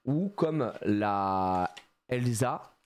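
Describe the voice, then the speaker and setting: In a clean, low voice, a man talks very slowly during a live stream where he opens trading card packs. His manner is lively and jokey, with plenty of laughter and plays on words.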